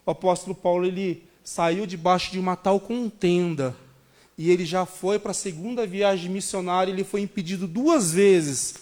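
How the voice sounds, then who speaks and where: A Brazilian man in his thirties preaching a sermon, telling a personal story in an animated way and calling the congregation brothers. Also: sits high, normal speed. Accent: Brazilian Portuguese. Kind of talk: sermon testimony.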